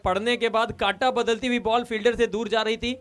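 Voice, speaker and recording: High, crisp male cricket co-commentator. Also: flat delivery, a little fast, a bit bright. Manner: explanatory, conversational. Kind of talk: live cricket analysis. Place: commentary box at a cricket ground.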